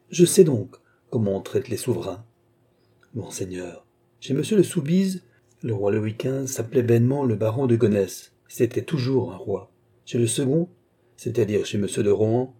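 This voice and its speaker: A man's voice: on the low side, dark tone, breathy edge. A man voicing a dignified butler who speaks in formal, deferential yet stubborn tones, read as an audiobook character. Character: stiff, dignified male butler, middle-aged.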